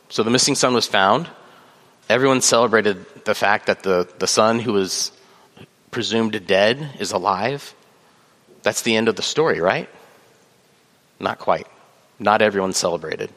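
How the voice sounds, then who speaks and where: Lowish male preacher in a reverberant hall. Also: fairly bright tone. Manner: measured preaching with fillers, reads scripture aloud. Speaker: pastor. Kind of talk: sermon.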